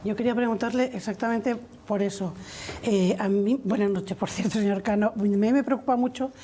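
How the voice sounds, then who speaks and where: A woman's voice: medium pitch, fairly even intonation, fairly quick, mellow, a little hiss or hum. A woman journalist questioning a guest in a broadcast interview, building long questions in a hesitant way.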